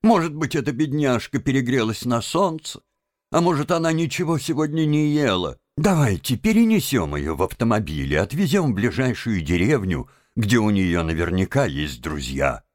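A kindly gentleman motorist , as a man reading the book plays him, fusses in hearty exclamations that leap around in pitch. The recording is close and dry. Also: big pitch swings, normal speed, dry recording, close to an everyday voice. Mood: concerned.

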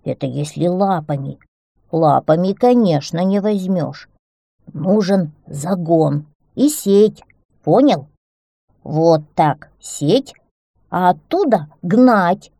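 A woman's voice: lowish voice, lively intonation, slow pace, gravelly, warm tone, no echo, studio quality, full character voice. A woman doing an eager bossy bear cub. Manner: emphatic, explaining.

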